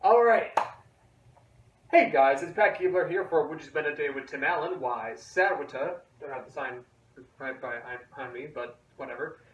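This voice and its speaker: A man's voice: on the high side, normal speed, muffled recording. A young man chatting casually and loosely to camera as the host of a vlog, rambling as he goes. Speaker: host of a music collection video series. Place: echoey indoor room. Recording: very echoey room, distant mic.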